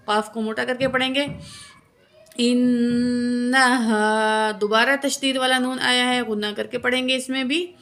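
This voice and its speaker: A woman teaching a tajweed lesson, spelling out letters and vowel marks patiently and drawing out recited verses very slowly. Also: fairly high pitch, a bit bright. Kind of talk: slow word-by-word recitation lesson.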